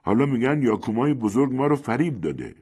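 A man voicing an excitable interpreter. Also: mid-range voice, breathy edge, voice pushed up. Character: excitable interpreter named Mac.

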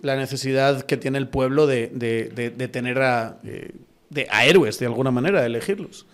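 A man's voice: mid-range voice, moderate pace. A man interviewing a politician, asking questions and often cutting in to steer the talk.

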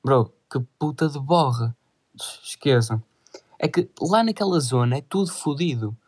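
A man's voice: mid-range voice, lively intonation, measured pace, darkish tone, husky. A teenage boy with a European Portuguese accent telling a crude, rambling story in casual slang full of swearing. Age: teens.

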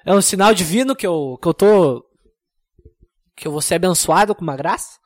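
A young man hosting a comedic solo podcast, rambling and mocking himself in a deadpan way. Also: sits high, normal speed. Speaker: podcast host.

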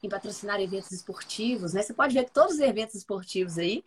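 A woman's voice: mid-range voice, expressive, quick pace, slightly rough. A woman co-hosting a casual live chat as a nutrition mentor, talking in a chatty, emphatic way and repeating her phrases.

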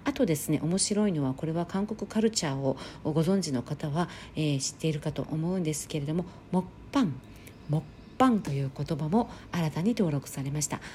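A middle-aged woman talks alone into her podcast mic, slow to explain and easy in her pauses. Her voice sits low and mellow. A faint hiss of noise runs under her voice. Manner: calm, explanatory, with frequent fillers. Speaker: podcast host. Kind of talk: solo talk show. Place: home near Seoul.

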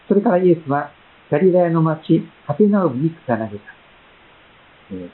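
A man from Japan gives a sermon as pastor, in a measured, gentle voice that pauses often and fills gaps with soft fillers. His pitch sits at a middling level for a man. The sound is narrow and tinny, like a phone line. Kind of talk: sermon with Bible reading and prayer.

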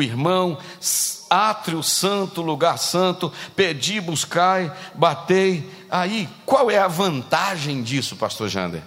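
A pastor with a Brazilian Portuguese accent preaching a sermon in a church, animated and rising to shouts. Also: male voice, on the high side, long reverb tail.

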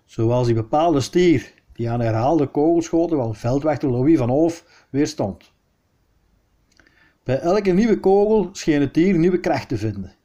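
A Flemish-accented man reading local history aloud, in a measured, dryly wry tone. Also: a little high, lively intonation, mellow, dull audio. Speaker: storyteller.

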